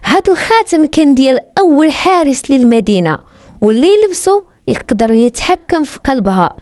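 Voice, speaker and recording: A woman's voice: sits high, expressive, brisk, darkish tone, dry recording, studio quality. A woman with a Moroccan accent voicing a frightened, tearful young woman. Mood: urgent. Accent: Moroccan Arabic. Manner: urgent, tearful.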